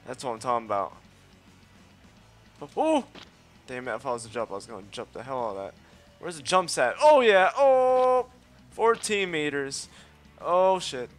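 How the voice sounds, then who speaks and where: Fairly quick and medium in pitch, a let's play host commentates his gameplay live over soft background music. He gets excitable, boasts and trash-talks with swagger, swears often, and yelps when things go badly.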